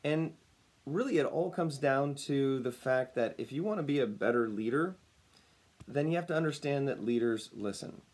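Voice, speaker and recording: This man in his thirties is getting his lost voice back, so there's a slight rasp as he talks casually into a desk-distance webcam in a room at home. A personal branding speaker, he's upbeat, smiling, and quick to chuckle. His medium-pitched voice is animated and a little mellow, at a moderate pace.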